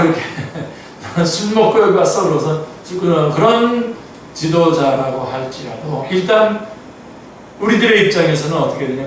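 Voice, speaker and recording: A man's voice: on the high side, slight background noise. A man who is a pastor, reading scripture aloud and explaining it to his congregation in an afternoon Bible study, often asking them questions. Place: church sanctuary. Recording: echoey church hall, mic from far off.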